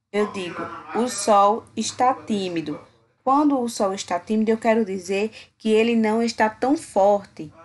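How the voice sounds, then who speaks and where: A young woman teacher walks her students through a grammar lesson. Her voice is breathy and soft-edged at a medium pitch. She talks slowly and patiently, pausing often to check that everyone follows. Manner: slow, patient, checks in with "certo?".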